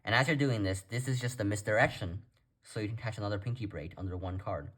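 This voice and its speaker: A man's voice: lowish voice, fast, fairly bright tone, breathy edge. A man giving a casual step-by-step tutorial as presenter, talking informally and directly to viewers. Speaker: card trick tutorial presenter.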